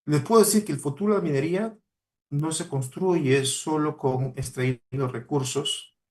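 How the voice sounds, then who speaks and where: This man from Peru speaks with a fairly high pitch at a normal speed. A mining professional appearing as a guest speaker, he gives students an earnest, exhorting pep talk in Peruvian Spanish-accented speech, hammering home key words by repeating them.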